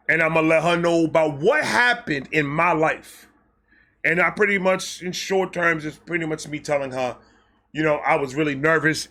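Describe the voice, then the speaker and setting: A man with a fairly high, bright and forceful voice tells a personal story straight to the camera. He talks in an animated, self-mocking way and swears freely. He often stumbles, restarts and repeats his phrases. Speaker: storytime vlog host.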